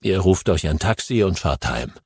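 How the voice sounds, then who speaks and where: A man's voice: low-pitched, very animated, normal speed, vocal fry, darkish tone, breathy edge, dry recording, full character voice. A man doing an agitated, wary old farmer. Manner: urgent, pleading. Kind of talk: audiobook reading.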